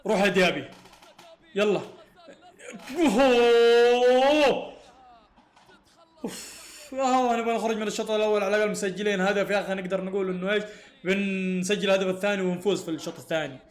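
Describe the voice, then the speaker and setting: A man, reacting live to a football match, excitable and exasperated, often laughing. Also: high-pitched, very fast, reverberant.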